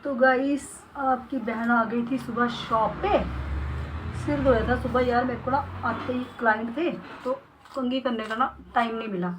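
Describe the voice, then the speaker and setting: A woman who owns a beauty salon, chatting casually in her vlog. Her voice sits a little above the usual for a woman. There is steady, clearly audible noise behind her. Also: a little high, moderate pace. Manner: chatty, talks straight to viewers and a pet parrot.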